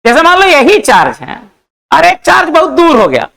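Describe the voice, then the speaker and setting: A male physics teacher giving a classroom lecture. He asks questions, answers them himself, repeats key points and dictates definitions slowly. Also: very high-pitched, wildly swooping pitch, gravelly, a bit bright, poor audio.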